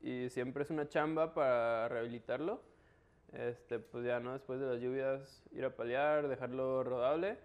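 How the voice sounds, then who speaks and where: A man speaks casual Mexican Spanish at a middling pitch. He explains things colloquially, with plenty of street slang, as in a relaxed conversation. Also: normal speed, clear, resonant tone, narrow, tinny audio. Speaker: interview guest, local trail biker.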